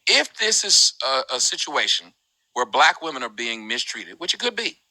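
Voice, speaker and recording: Male live-stream host, bright edgy tone, dry close mic, animated and喜 casual. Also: moderate pace, dry recording, rough recording. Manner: animated, swings high and loud when mocking. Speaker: host of a live group discussion.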